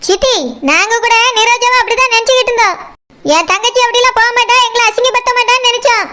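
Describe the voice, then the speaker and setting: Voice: very high-pitched, steady tone, fast, sharp tone. A voice actor playing a blunt, lecturing middle-aged woman in a cartoon, with a Kanyakumari Tamil accent. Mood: scolding. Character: middle-aged woman, sharp-tongued and scolding. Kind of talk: cartoon voice acting.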